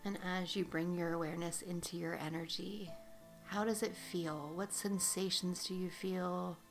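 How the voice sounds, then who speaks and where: A woman guiding a meditation, speaking slowly and soothingly with drawn-out phrases that sometimes soften to a whisper. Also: on the low side, steady tone, vocal fry, soft background music. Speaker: meditation guide. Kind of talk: guided meditation.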